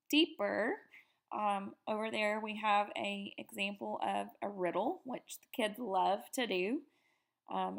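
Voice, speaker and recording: A woman giving an upbeat slide presentation to teachers, often pausing on fillers. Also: medium pitch, vocal fry, a bit bright. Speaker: teacher educator. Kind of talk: presentation lecture over slides.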